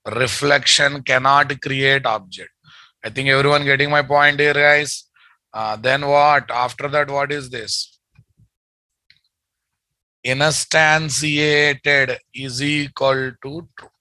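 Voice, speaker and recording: A man's voice: mid-range voice, fairly even intonation, slow, bright, forceful tone, no echo, low-quality recording. A man in his thirties with a Telugu accent, teaching a live online coding lesson, repeating phrases as he dictates and often checking in with listeners. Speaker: programming instructor.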